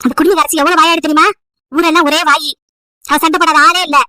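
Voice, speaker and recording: A woman's voice: high voice, little pitch movement, fast talker, bright, forceful tone, no echo, clean studio sound. A woman voicing a nagging, emotional old village grandmother over 70 who scolds and pleads at length. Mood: pleading. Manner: scolding, pleading, wailing complaints.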